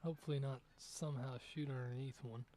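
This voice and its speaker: A man's voice: mid-range voice, steady tone, brisk, warm tone, slight background noise. Man musing aloud while gaming. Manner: rambling, thinks aloud, muses over missed shots. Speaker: streamer. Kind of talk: casual gameplay commentary.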